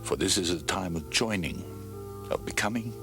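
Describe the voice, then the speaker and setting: A man narrating a documentary in a dramatic, scripted way with slow ominous pauses, heard from an old VHS tape. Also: low-pitched. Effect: old VHS tape sound. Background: music.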